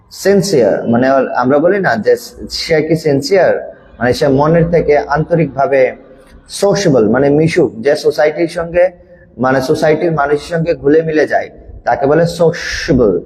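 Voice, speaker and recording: A man's voice: fairly high pitch, expressive, normal speed, darkish tone, long reverb tail, rough recording. A man teaching an online English grammar class, explaining the meaning of each word patiently and then drilling pronunciation with a student over a video call.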